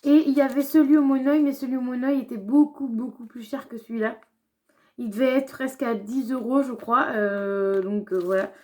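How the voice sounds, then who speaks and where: A woman's voice: fairly high pitch, fairly even intonation, normal speed, darkish tone. A young woman chatting casually through a shopping haul vlog, with lots of fillers and restarts. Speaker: beauty vlogger.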